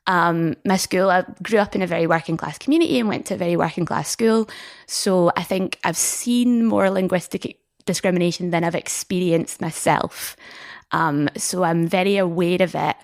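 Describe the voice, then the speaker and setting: Female interview guest, Scottish Standard accent, lowish register, conversational explainer with hedges, dry recording. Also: dry recording. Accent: Scottish, middle-class Scottish Standard English. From Scotland. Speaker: guest, linguistics researcher and teacher.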